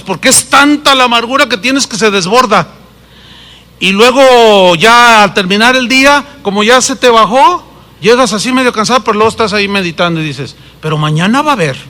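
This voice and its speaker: High, bright-voiced Mexican preacher. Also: male voice, big-room sound. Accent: Mexican Spanish. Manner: animated preaching, dramatic shifts between loud and hushed. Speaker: pastor. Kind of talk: sermon.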